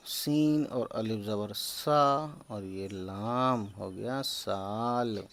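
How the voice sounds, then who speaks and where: Male teacher, slow patient spelling drills, English words slipped in. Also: mid-range voice. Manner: slow, patient syllable-by-syllable sounding out; mixes English words into explanations. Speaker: Urdu teacher.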